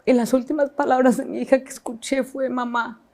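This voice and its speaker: Gravelly woman giving a personal testimony. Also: high voice, fairly even intonation, warm tone. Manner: halting, reflective, with restarts and pauses. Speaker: mother telling her own story.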